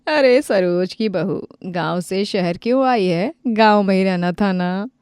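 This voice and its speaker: A woman's voice: medium pitch, a little slow, darkish tone, smooth, no echo, clean studio sound, close to an everyday voice. A woman voicing a mocking middle-aged neighbor who taunts. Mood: taunting.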